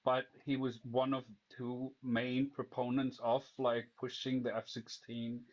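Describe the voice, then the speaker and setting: A man's voice: medium pitch, flat delivery, measured pace, dull audio. A man from Iceland, a guest debater in casual chat, who knows his subject and often restarts his sentences.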